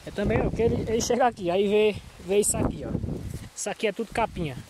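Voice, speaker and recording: Filming a casual handheld vlog in his cornfield, this Brazilian farmer with a Northeastern accent speaks fast in a high voice made a bit hoarse by a cold. He's folksy and repetitive, frequently checking in with viewers, and the outdoor audio is noisy.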